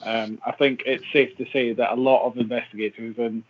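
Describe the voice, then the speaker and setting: A man's voice: medium pitch, little pitch movement, brisk. A man who investigates the paranormal, speaking hesitantly as a guest in a casual podcast chat. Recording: tinny phone-like line with faint noise.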